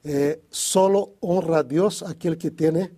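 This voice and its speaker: Husky man with a tinged Spanish. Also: on the high side, slow, mellow. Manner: hesitant, restarts often, thinks aloud. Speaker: Bible study co-host. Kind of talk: casual religious discussion.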